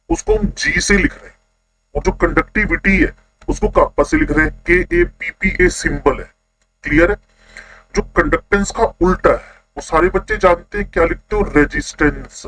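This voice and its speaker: High-voiced man teaching, quizzing. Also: a bit bright, low-quality recording. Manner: quizzing students with quick questions. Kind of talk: online chemistry lesson.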